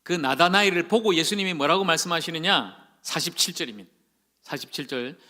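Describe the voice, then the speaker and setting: A man's voice: on the high side, expressive, fairly quick, bright, forceful tone, long reverb tail. A male pastor preaching a sermon in a church. He talks in a folksy way and keeps asking the congregation questions. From Gyeongsang Province, Korea. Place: church sanctuary.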